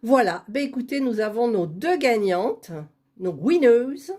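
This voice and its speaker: Woman, unhurried talk, bouncy pitch, chatty, self-deprecating, laughs a lot. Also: lively intonation, a little mellow. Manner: chatty, self-deprecating, laughing often at her own fumbling. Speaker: YouTube creator drawing giveaway winners. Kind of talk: casual screen-recorded vlog.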